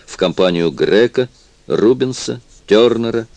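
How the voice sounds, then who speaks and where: A calm, reflective older gentleman, unhurried and considered, as a male audiobook reader voices him. The voice is low, and the room is dry. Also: gravelly, dry recording. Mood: thoughtful. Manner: thoughtful, measured. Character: calm, thoughtful older man.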